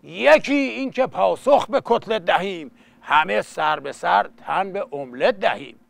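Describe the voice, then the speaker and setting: Man reciting as gravelly, pompous demon-tyrant, teahouse epic. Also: high-pitched, lively intonation, no room sound, heavily acted. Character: scheming, pompous male demon-tyrant in turban, mock-epic villain. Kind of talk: epic teahouse storytelling, mock-heroic verse.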